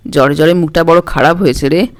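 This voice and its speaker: A woman reading a Bengali story, voicing a rough, ailing vagrant man in a lowered, gruff voice. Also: fairly even intonation, fast talker, no room sound, natural voice. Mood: coaxing.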